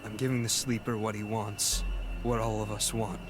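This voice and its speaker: An actor voicing a cold, fatalistic, menacing man in a video game, speaking flatly and deliberately. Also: fairly low pitch, lightly acted. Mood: dismissive. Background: game music.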